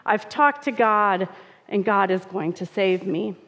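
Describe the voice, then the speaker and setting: A woman's voice: mid-range voice, animated, a little slow, fairly bright tone. A woman voicing a stubborn, overly faithful man stranded on a roof, protesting insistently. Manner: insistent, raised pleading protest. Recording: reverberant, dull church sound.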